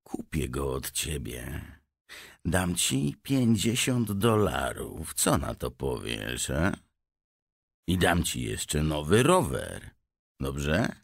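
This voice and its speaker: A sly tall stranger murmurs a quiet deal in a storybook, as a male reader puts him on. The voice is low and gravelly, and the sound is dry and close. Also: sing-song, takes it slowly, no room sound, heavily acted. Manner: hushed, quiet and persuasive. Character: tall sly man whispering an offer.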